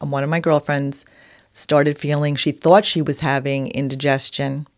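Female, New York accent, low-pitched, dry sound, conversational health podcast co-host. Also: little pitch movement, moderate pace, dry recording.

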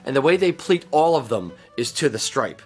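A man's voice: medium pitch, sing-song, normal speed, faint music behind. A man co-hosting a podcast, chatting casually and telling stories full of ums and teasing asides. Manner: rambling storyteller with frequent ums and teasing asides. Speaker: podcast co-host. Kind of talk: casual chat.

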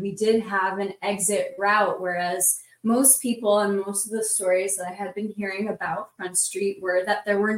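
A woman's voice: medium pitch, recorded from a distance. A woman in a casual roundtable talk, retelling events in a vivid, breathless way with many "like" fillers. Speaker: roundtable guest. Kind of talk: casual storytelling. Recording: roomy sound from off the mic.

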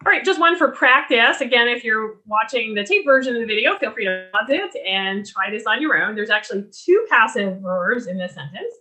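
A woman giving a recorded lecture on writing, explaining clearly and restarting her sentences as she talks. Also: fairly high pitch, expressive, a little fast, few pauses, pushed and bright. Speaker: writing instructor.

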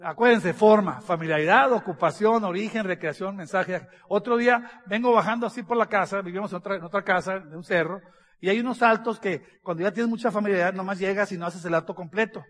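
A man with a high voice speaks to an audience as a business speaker. He tells anecdotes with lively humor. He acts out the exchanges and laughs along. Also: fairly quick.

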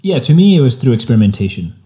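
A man's voice: medium pitch, rapid-fire. A young man with a French accent, a photographer being interviewed, talking casually and reflectively with frequent fillers. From Spain. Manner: relaxed, laid-back and reflective, with frequent fillers. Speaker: photographer guest.

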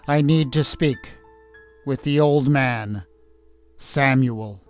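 A man voicing a commanding king, speaking low, firm and measured. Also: faint music behind, natural voice. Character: commanding middle-aged king, weary and firm.

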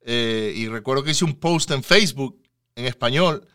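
A man hosting a Spanish-language podcast interview, casual and halting, with lots of fillers and repeated words. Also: mid-range voice, sharp tone, clean tone, dry recording, clean studio sound. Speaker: podcast host. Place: lives near Houston, Texas.

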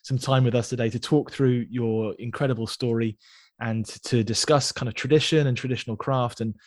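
A man hosts a podcast, asking questions and then summing up his thoughts in a measured, earnest manner. His voice sits at a middle pitch. He sounds reflective and engaged. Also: steady tone. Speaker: podcast host. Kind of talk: interview and reflective monologue.

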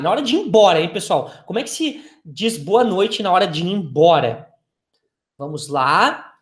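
A man with a Brazilian Portuguese accent, teaching English and saying phrases slowly and clearly so learners can repeat them. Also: sits high. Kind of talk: language lesson with repeat-after-me drills. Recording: echoey room.

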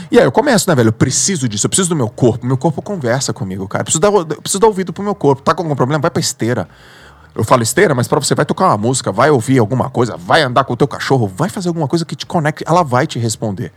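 A man's voice: medium pitch, husky. A man with a Brazilian Portuguese accent, a podcast guest who mentors entrepreneurs, telling stories in a slangy, emphatic way with some swearing. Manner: slangy and emphatic, swears, acts out his own inner voice. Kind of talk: animated podcast storytelling.

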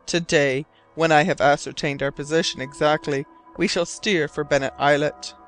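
A man's voice: on the high side, steady tone, moderate pace, fairly bright tone, soft background music, natural voice, poor audio. A man voicing a stern, determined male sea captain who speaks in a grave, earnest way.

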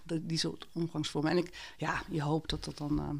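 A man's voice: fairly high pitch, level tone, a little fast, vocal fry, slightly rough. A male author talks about his book in an interview, with many fillers and restarts, and reads a passage aloud. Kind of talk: conversational interview and reading aloud.

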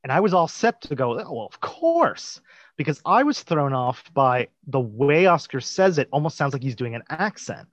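A man co-hosting a podcast, chatting in an animated way and acting out little quotes. His voice sits in a middle pitch. The sound is dull, dry and lo-fi. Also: moderate pace, hardly any pauses, dry recording. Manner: animated, laughs, acts out quotes. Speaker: podcast co-host. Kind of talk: casual chat about a TV episode.

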